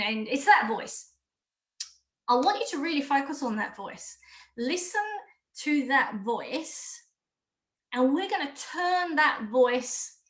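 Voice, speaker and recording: A woman gives an online coaching lesson in a high, bright voice. She is direct and emphatic and drives her points home by repeating them. The sound is roomy and echoey. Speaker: mindful eating coach. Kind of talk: online course talk.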